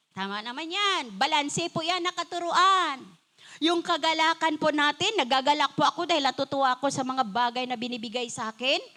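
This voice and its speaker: An older woman with a Filipino accent preaches a sermon in an animated, conversational way, switching freely into English. Her voice sits very high, with a bright, forceful edge.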